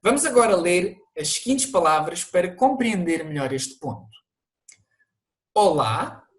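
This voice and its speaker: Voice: mid-range voice, sing-song, a little slow. A teacher with a European Portuguese accent, narrating an online language lesson and explaining things to viewers, with the odd restart.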